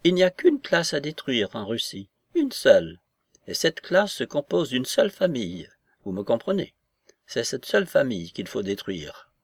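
A man voicing an excitable, fanatical old aristocratic woman in a read-aloud novel. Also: mid-range voice, moderate pace, slightly rough, dry recording, clean studio sound, exaggerated voice. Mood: cold. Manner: agitated, exclaiming, insistent.

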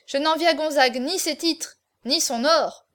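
A woman's voice: high voice, moderate pace, fairly bright tone. A woman voicing a sly male Norman henchman who speaks in a mocking, insinuating way. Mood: leering.

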